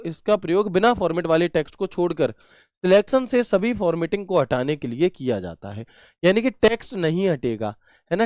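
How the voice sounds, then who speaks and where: A man's voice: sits high, no room sound. Man, online computer lesson, chatty, dry close sound. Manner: chatty, asks and answers own questions, homely examples. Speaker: computer teacher. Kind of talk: online class lecture.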